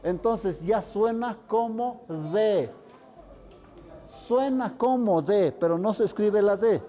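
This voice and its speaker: A man teaching a writing class, speaking slowly and patiently and repeating words so students can pronounce them. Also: sits high, mellow, long reverb tail. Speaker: language teacher. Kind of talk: classroom lesson.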